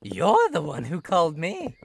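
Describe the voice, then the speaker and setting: Demon jester, low-pitched, creaky, playful, sweetly menacing, theatrical, horror game character. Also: female voice, huge pitch swings, measured pace, a little hiss or hum, exaggerated voice. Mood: teasing, gleeful. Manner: theatrical, teasing, swinging from singsong chirps to sinister purrs. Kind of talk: visual novel horror game character acting.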